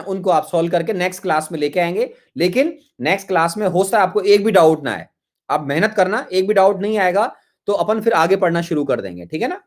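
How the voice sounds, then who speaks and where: A male chemistry teacher gives an online lecture. His voice sits a little high for a man. He coaxes and repeats himself, calling his students his children. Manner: coaxing, repeats phrases, calls students "my children".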